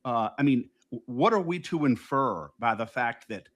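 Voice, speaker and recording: This political talk show co-host has a loud, medium-pitched voice that is animated at a normal speed. He restarts often while arguing emphatically and indignantly in casual political conversation.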